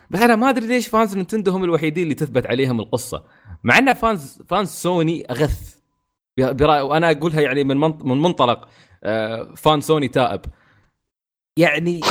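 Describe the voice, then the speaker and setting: A man with an Emirati Arabic accent, chatting on a gaming podcast, ranting in an animated way with frequent restarts. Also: a little high. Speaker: podcast co-host. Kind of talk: casual gaming podcast chat.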